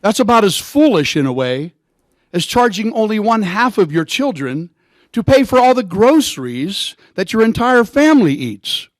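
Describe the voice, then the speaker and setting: A man's voice: sits high, sing-song, normal speed, no echo. A middle-aged man giving an emphatic, indignant public comment at a council meeting.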